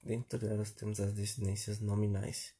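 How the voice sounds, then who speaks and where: A man's voice: lowish voice, flat delivery, normal speed, warm tone, husky. A man reviewing a grammar lesson, methodically reading definitions and word lists aloud. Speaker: teacher.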